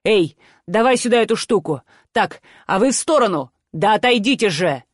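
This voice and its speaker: A brisk male doctor snaps urgent commands at everyone around him, as a woman narrator voices him. He is gruff and direct, audiobook style. The recording is dry and close. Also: mid-range voice, expressive, dry recording, natural voice. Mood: commanding. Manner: barking orders, urgent.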